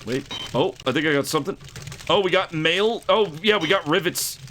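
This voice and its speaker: A man streaming live, commenting animatedly on an educational game, laughing and shouting at characters. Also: on the high side, normal speed, a little hiss or hum, low-quality recording.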